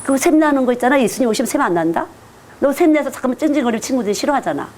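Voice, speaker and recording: A woman's voice: high-pitched, animated, very fast, a little mellow. A woman who is a children's missionary, giving a teacher-training lecture in an earnest, direct, conversational preaching manner.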